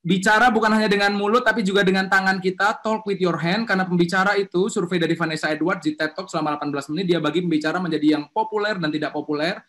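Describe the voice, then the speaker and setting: A quick-talking man with a fairly high voice leads an online webinar as a communication trainer. He keeps pressing the audience to speak up, lively and coaxing, and the sound comes through a video-call mic. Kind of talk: energetic online webinar presentation.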